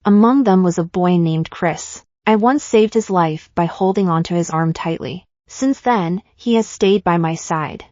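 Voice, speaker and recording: A woman with a somewhat low voice tells a dramatic story in the first person, reading it out steadily and evenly. The sound is dull and lo-fi, and very dry, as if close to a plain mic. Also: unhurried, hardly any pauses, darkish tone, dry recording. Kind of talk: scripted first-person narration.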